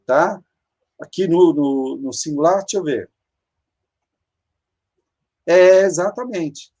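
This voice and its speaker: A Hebrew teacher giving an online grammar lesson. The teacher often stops to search for words and explains each step slowly. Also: medium pitch, warm tone. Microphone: video call.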